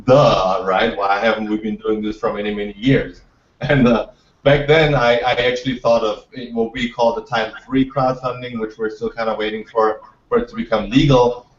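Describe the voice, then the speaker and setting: An Austrian entrepreneur answers interview questions with keen energy, often restarting and repeating words. His voice sits fairly low with fairly even intonation at a normal pace, and the recording is dull, roomy and distant from the mic.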